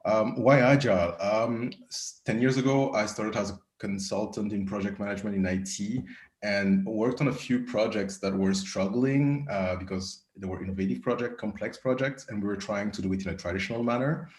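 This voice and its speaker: Deep-voiced West African man, echoey room. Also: normal speed. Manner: hesitant, many ums and uhs. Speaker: agile coach. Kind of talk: panel introduction.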